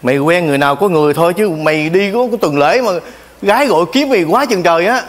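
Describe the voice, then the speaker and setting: A man's voice: high voice, fast, natural voice. An actor playing an exasperated, teasing man named Long, joking and exclaiming in a stage comedy sketch. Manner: teasing, blustery, exclaiming often. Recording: stage show in a big hall.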